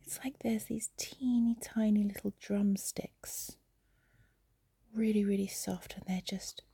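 A young adult woman whispering softly and confidingly into a phone while lying in bed. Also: mid-range voice, steady tone, dry recording, studio quality. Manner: soft breathy whisper, unhurried and confiding. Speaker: amateur audio creator. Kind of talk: whispered intimate audio diary. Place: in bed, lying on her side. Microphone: phone held close.

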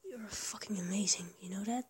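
A woman voices a small, affectionate young lover in whispered intimate roleplay audio, her breathy whisper tender as she stammers and rambles between giggles. Her voice is medium-pitched, everyday-sounding and brisk, with a little hiss or hum in the recording.

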